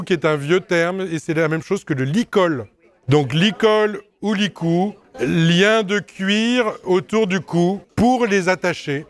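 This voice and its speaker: A man correcting a dictation, spelling words letter by letter and explaining spelling rules patiently with small asides. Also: sits high.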